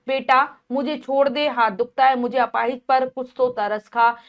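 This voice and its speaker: A frail old woman, hungry and wronged, pleads and laments in a slightly raised, louder voice, as a teacher reads her part. She is a figure from a classroom reading of a play. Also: sits high, steady tone, normal speed. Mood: pleading.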